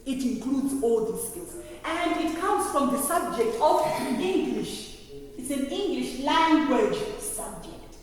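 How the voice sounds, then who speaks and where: A woman giving a classroom lecture, explaining step by step and often pausing to check that students understand. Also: high voice, animated. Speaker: lecturer teaching trainee early childhood teachers. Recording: very echoey hall, distant mic, faint noise.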